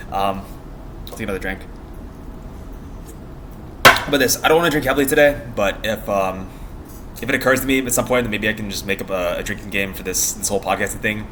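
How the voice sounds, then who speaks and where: Fast-rambling young American man, low voice. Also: a bit bright, a little hiss or hum. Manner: meandering, giggly, trails off mid-thought. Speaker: vlogger. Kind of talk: casual rambling vlog chat.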